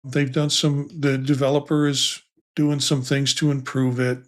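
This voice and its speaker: A man's voice: medium pitch, level tone, measured pace. A man co-hosting a casual tech podcast, talking in a rambling way with many restarts and asides. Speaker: podcast co-host.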